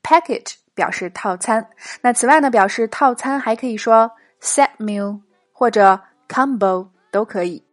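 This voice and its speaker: A woman hosts a scripted English lesson, reading short dialogues and explaining phrases in Mandarin. Her voice sits fairly high. It is recorded close and dry, with no room sound. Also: a little slow, no echo. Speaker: English teacher, host.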